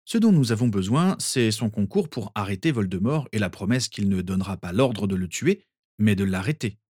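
A man's voice: lowish voice, lively intonation, moderate pace, a little mellow, husky, no room sound, studio quality. A man reading a story aloud, voicing a weary, guarded teenage boy. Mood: resigned. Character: tense teenage boy hero, weary, resigned. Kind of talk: audiobook character reading.

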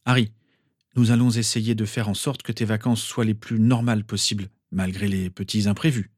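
Man reading as an amused, protective father from a storybook, fatherly and even-tempered, in a fairly low voice. The sound is dry and close. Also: normal speed, no echo, close to an everyday voice.

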